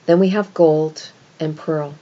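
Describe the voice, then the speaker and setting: A woman with a fairly low voice speaks as a religious teacher, walking through an esoteric scripture lesson. She explains in an instructive manner and puts emphasis on key words. The recording is slightly dull and lo-fi. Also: steady tone, slow pace, warm tone.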